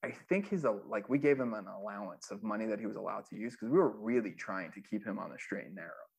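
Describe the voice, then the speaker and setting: Low gravelly guy telling manager stories, casual and cussing, lots of "like" and "right?". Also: lively intonation, fast talker, darkish tone. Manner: loose, profane storytelling with many fillers and acted quotes. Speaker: former music manager, interview guest. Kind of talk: casual storytelling interview.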